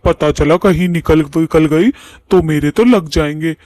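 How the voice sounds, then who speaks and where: A man's voice: fairly high pitch, unhurried, darkish tone, no room sound, lightly acted. A man voicing a pleading henpecked ghost. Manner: pleading, exasperated. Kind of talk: cartoon voice acting.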